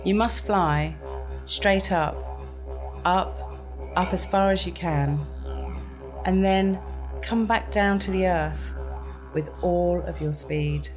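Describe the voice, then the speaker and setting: A vast ancient she-serpent played by a woman issues her orders with slow, deliberate weight. Her low voice lingers over each word. A didgeridoo drones behind her in this storybook telling. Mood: commanding. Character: huge ancient female creator serpent, commanding. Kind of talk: storybook narration. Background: didgeridoo music.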